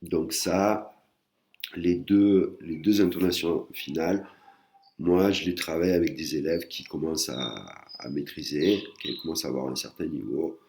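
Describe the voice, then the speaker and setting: A Thai teacher gives a language lesson, patient and explanatory, often repeating and rephrasing himself. His very deep voice is a little mellow, with fairly even intonation and a moderate pace, over slight background noise.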